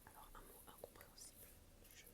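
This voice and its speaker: Whispering woman reading aloud, ASMR. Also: a little fast. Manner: soft library whisper, unvoiced. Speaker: ASMR reader.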